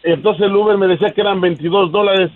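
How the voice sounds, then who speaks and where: Radio caller, high voice, fast and rambling, over a thin phone line. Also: male voice, fairly even intonation. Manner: quick, rambling, restarts often. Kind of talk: phone-in storytelling.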